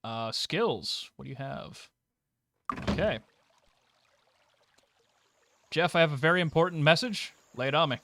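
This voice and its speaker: A man's voice: a little high, expressive, normal speed, bright, forceful tone, a little hiss or hum. A man giving sarcastic, joking commentary as he plays a game live. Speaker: streamer.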